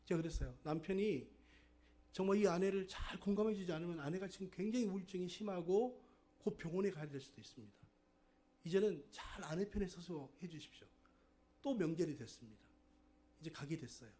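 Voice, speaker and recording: A middle-aged man with a notably high-pitched voice delivers a sermon as a pastor. He preaches in a conversational storytelling way and keeps turning to the congregation with rhetorical questions. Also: lively intonation, a little fast, warm tone.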